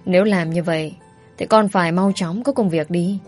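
A woman's voice: fairly low pitch, darkish tone, soft background music, natural voice. A woman voicing a bossy older mother who scolds her daughter and schemes to marry her off. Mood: scolding. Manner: scolding, brisk.

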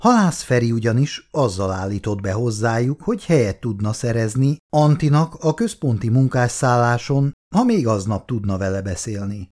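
A man reading a story aloud in a measured, expressive way. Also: medium pitch. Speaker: narrator. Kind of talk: storytelling narration.

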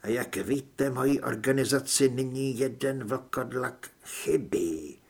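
Speaking at a medium pitch, this man voices a government official with a husky tone. The character smiles coldly and stays courteous while carrying a quiet threat.

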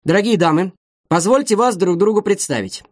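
A man's voice: sits high, fairly quick, pitched above the performer's own voice. A man voicing Vanya, a naive, pompous young man speaking earnestly and mock-formally.

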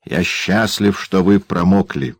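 A man's voice: sits low, unhurried, dry recording, voice pushed up. A man voicing a spiteful, cruel male dwarf who jeers and snarls in an audiobook. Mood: gloating. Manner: jeering, shouting, sneering. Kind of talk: audiobook character voice.

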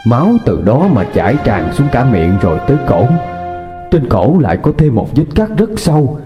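A man narrating a horror story in a steady, even storytelling voice. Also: medium pitch, moderate pace. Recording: dull lo-fi with faint music.

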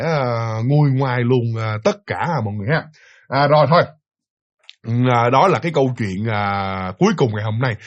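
A man with a Southern Vietnamese accent, hoarse from a cold, telling a story to his listeners in a chatty, casual way. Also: mid-range voice. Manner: chatty, addresses listeners directly, many fillers. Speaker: storyteller and channel host.

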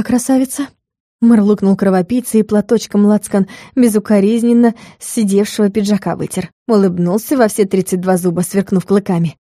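A woman narrating a first-person fantasy audiobook in a lively, expressive storytelling manner. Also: mid-range voice, no echo, studio quality.

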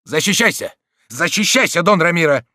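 A man's voice: fairly high pitch, moderate pace, a bit bright, no echo, clean studio sound, pitched above the performer's own voice, close to an everyday voice. A man voicing a proud, hot-headed young nobleman who speaks defiantly and heatedly.

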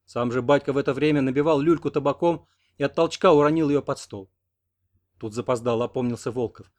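A man's voice: medium pitch, a little fast, darkish tone. A man narrating an audiobook expressively, voicing each character. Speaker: audiobook reader.

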